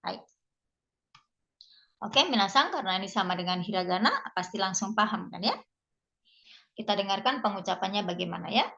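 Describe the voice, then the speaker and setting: Gravelly-voiced woman teaching a beginner class. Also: medium pitch, normal speed, pauses often, pushed and bright. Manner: patient, checks understanding with frequent "ya". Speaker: language teacher. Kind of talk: explaining a beginner lesson. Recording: dull lo-fi recording.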